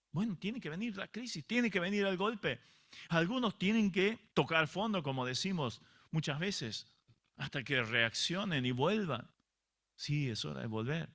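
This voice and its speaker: Lively bright-voiced man preaching. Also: on the high side. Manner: preaching with many restarts and rhetorical questions. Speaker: pastor. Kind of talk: sermon.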